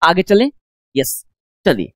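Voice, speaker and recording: Lively woman teaching with questions. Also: on the low side, slow pace, dry recording. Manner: asks questions and answers them herself, repeats points; mixes English phrases into Hindi speech. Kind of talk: classroom economics lecture.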